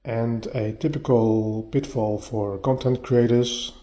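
A man hosting his own podcast, recorded on a phone voice-note app in a slightly echoey bedroom, talking in a halting way that often repeats words as he restarts. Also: mid-range voice, steady tone, warm tone, muffled recording. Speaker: podcast host. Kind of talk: casual solo podcast monologue. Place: partly furnished bedroom, a bit echoey.

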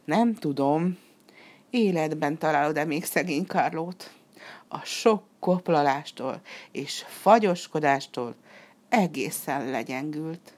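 A woman voicing a sly, flattering female fox in a storybook reading, with a sweet, wheedling, drawn-out way of talking. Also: low voice.

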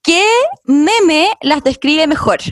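A young woman co-hosts in a very high voice. She is upbeat and puts questions to guests. The sound is close and dry. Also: slow pace, dry recording. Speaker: podcast co-host. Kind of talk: casual chat.

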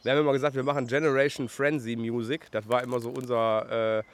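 A man's voice: medium pitch, little pitch movement, fast. A man, a guest telling long, rambling anecdotes in casual chat, full of fillers and tag questions. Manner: rambling storyteller with many fillers and "ne?". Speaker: guest, food truck and restaurant owner.

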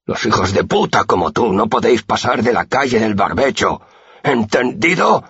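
A man voicing a brutal, menacing city guard who pants and jeers slowly, in a dull, dry recording. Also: low voice, expressive, sharp tone, slightly rough, dry recording, voice pushed up, heavily acted. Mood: angry. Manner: panting, threatening, slow jeering.

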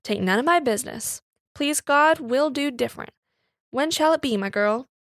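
A woman's voice: high voice, lively intonation, moderate pace, no echo, studio quality. Woman doing an honest, plain-spoken working man. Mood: earnest. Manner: plain, warm rustic dialect. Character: honest, steady working-class young man.

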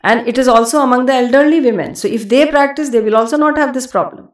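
A woman's voice: sits high, fast, roomy sound. A woman with an Indian accent explaining things conversationally as an interview guest, emphatic and given to repeating her phrases. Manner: emphatic, repeats phrases, switches between English and Hindi. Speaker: yoga expert, podcast guest.

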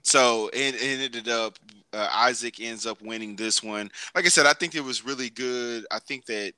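A man hosting a laid-back show, talking in a slangy, rambling way and often restarting his sentences. His voice is very bright and sharp, and it is recorded close and dry. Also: mid-range voice, normal speed, clear, resonant tone, no echo. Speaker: podcast host. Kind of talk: casual chat.

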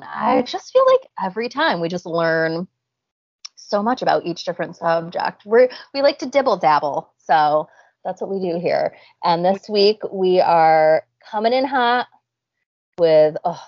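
A woman with a hoarse, raspy voice that breaks as if she is losing it, chatting casually as a podcast co-host. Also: fairly low pitch, dry recording, highs cut off.

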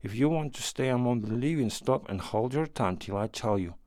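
A man's voice: medium pitch, animated, fairly quick, darkish tone, no echo, clean studio sound, close to an everyday voice. A man reading the part of a sly, menacing thief who poses as a pilgrim, mocking and threatening in turn.

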